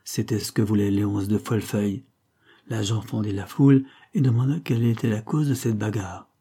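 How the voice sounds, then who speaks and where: Husky, dark-voiced male audiobook narrator. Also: fairly low pitch. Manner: measured, steady reading.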